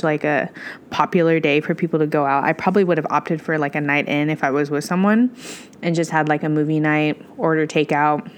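A young woman with a congested, stuffy-nosed voice chatting informally on a solo podcast, rambling and often interrupting herself. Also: sits low. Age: young adult. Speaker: podcast host. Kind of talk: casual solo podcast chat.

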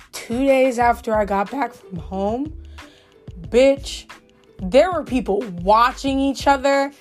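A young woman telling a casual, profane and gossipy story in a vlog about her color guard trip. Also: fairly high pitch. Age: young adult. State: voice recovering from being lost. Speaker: color guard senior vlogging.

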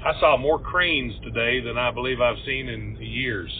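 A man's voice: mid-range voice, moderate pace, slight background noise. Folksy Southern hillbilly podcast man, dull lo-fi sound. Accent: Southern US, Appalachian. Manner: folksy, colloquial. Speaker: podcast host. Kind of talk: folksy comedy podcast chat. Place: car on the road.

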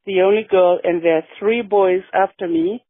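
A woman talks through her life in a relaxed, reflective way. Her voice sits at a middling pitch. It comes through a thin, phone-like radio line with no room sound. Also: moderate pace, husky, dry recording. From Fiji. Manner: warm, reflective storytelling with frequent yeahs. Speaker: guest. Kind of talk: casual radio interview.

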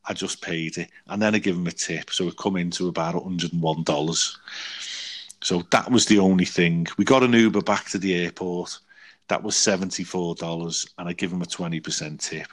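A man chatting casually, telling an animated travel story and acting out the people in it. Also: deep voice, fairly quick. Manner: animated storytelling with quoted voices, swears. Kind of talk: casual chat.

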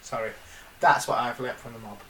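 A woman's voice: rumbling low, steady tone, a little fast, a bit bright, recorded from a distance. A woman co-hosting a podcast, chatting casually with playful, jokey banter. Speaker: podcast co-host. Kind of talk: casual chat. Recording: echoey room with faint hiss.

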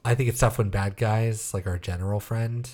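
A man co-hosting a casual podcast over a video call, excitable and quick to laugh. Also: fairly low pitch. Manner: excitable, laughs often, swears. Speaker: podcast co-host. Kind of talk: casual chat on a show rewatch.

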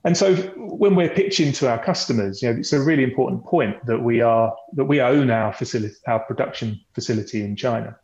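Speaking fairly quickly with few pauses, this company representative guests on a podcast to explain the business, repeating words often in a conversational, presentation-style way. His voice has a medium pitch and darkish tone, recorded lo-fi and dull in a boxy, echoey space.

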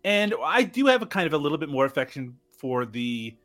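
A man's voice: a little high, very animated, fairly quick, a bit bright, soft background music. A man from Newfoundland chatting casually and jokily about films as a podcast guest. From Newfoundland, Canada. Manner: jokey, chuckling talker. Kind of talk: casual film discussion.

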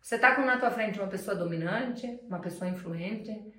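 A woman's voice: mid-range voice, normal speed, bright, forceful tone. Emphatic woman sales trainer, roomy distant sound. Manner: emphatic, repeats key phrases, colloquial. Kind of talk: motivational training talk. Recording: roomy sound from away from the mic.

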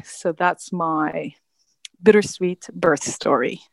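A woman telling her birth story in a personal, animated way, acting out what people said with sudden high outbursts. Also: slow pace, creaky, no room sound, rough recording.

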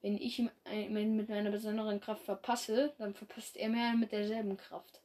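A woman's voice: medium pitch, flat delivery, normal speed, warm tone. A young woman reading her own fan story aloud in a casual way, with slips and restarts as she goes.

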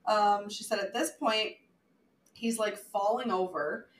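A woman co-hosting a podcast, telling an animated story in casual chat and acting out quotes. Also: medium pitch, a little slow, roomy sound, far from the mic, a little hiss or hum, rough recording. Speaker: podcast co-host.

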